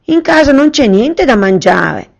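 A woman voicing a worried, poor mother in a fairy tale, speaking high and plaintive. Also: sing-song, a little slow, vocal fry, full character voice. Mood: mournful.

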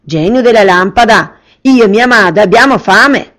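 A woman voicing an eager, excitable young boy in a children's fairy tale, with a high, excited voice. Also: a little slow. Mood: urgent. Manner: high, excited, loud calls.

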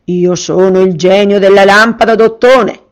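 A giant genie of a lamp, put on by a woman storyteller. He declaims in rhyme with solemn servility. His voice rises a bit louder than the narration. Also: medium pitch, steady tone, a little slow, pitched above the performer's own voice, lightly acted.

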